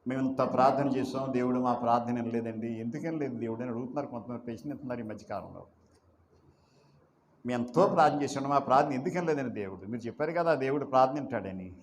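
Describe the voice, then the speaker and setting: A man's voice: medium pitch, fast talker, reverberant, slight background noise. A man preaching a sermon as pastor, emphatic, asking rhetorical questions and drawing out repeated phrases.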